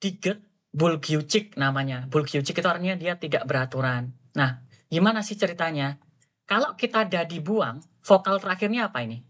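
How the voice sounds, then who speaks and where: Low-voiced firm language teacher woman. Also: animated, fairly quick, fairly bright tone. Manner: firm, corrective, drills pronunciation. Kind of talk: online Korean lesson in Indonesian.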